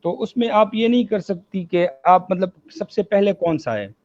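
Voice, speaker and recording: A man's voice: high voice, normal speed, a little mellow, muffled recording. A man with a Pakistani Urdu accent, a gemstone dealer explaining stones in casual chat, hesitant, with many fillers and restarts, on a live video call.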